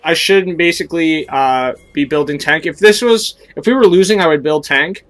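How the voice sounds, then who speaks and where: Still stuffy-nosed and sore-throated from a cold, this young gameplay commentator explains his own play and coaches viewers casually, with many fillers. He speaks at a moderate pace in a fairly high, somewhat bright voice.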